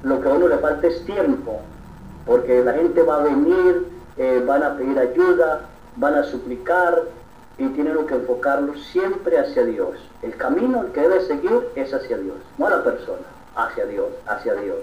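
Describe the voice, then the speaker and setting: Earnest priest preaching in a roomy hall. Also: male voice, medium pitch, animated, normal speed, a little hiss or hum. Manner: earnest preaching with repeated "¿sí?" checks. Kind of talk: sermon. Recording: roomy, distant, dull sound.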